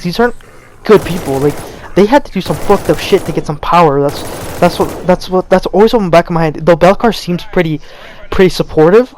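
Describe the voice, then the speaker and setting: Young male gaming host, fairly high voice, rambling unscripted rant, stammers and restarts, a bit cold, faint background noise. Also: a little mellow. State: cold, stuttering. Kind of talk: unscripted gameplay commentary rant.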